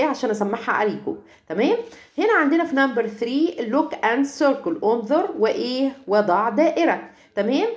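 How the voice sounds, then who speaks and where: An Egyptian woman teaching English words to kindergarten children. She drills each word slowly and repeats it, and she keeps checking in with the class. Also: on the high side, highs cut off. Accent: Egyptian Arabic. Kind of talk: recorded online lesson.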